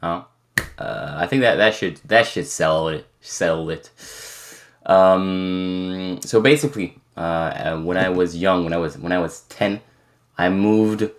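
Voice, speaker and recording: A man's voice: sits low, measured pace. A young French man in his twenties, a native French speaker with a mostly American-sounding English accent, casually answering viewer questions and rambling with many restarts. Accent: American-leaning English with slight French. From France. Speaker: content creator. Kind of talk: casual Q&A chat.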